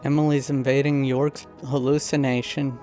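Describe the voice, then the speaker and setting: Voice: medium pitch, level tone, moderate pace, over music. A let's play host giving casual gaming commentary with dry, understated reactions.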